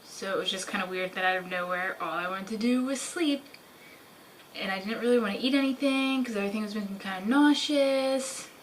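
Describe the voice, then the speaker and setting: A young woman vlogger living in England gives a casual pregnancy update from home, out of breath at the start. Her mid-range voice runs a little fast and is full of "like" fillers. The audio is poor, with a little hiss or hum.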